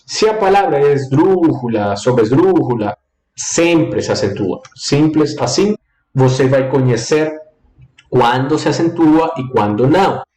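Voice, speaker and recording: A male Spanish teacher streaming a live lesson, his pitch swinging up and down as he drills the rules. He repeats phrases in a singsong way and slips between Portuguese and Spanish. The room gives his voice a noticeable echo. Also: lively intonation, unhurried, darkish tone. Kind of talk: live online language lesson.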